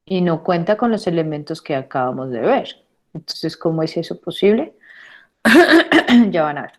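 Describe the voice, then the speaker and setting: A woman teaching an online English lesson, repeating words slowly to model pronunciation. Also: on the low side, sing-song.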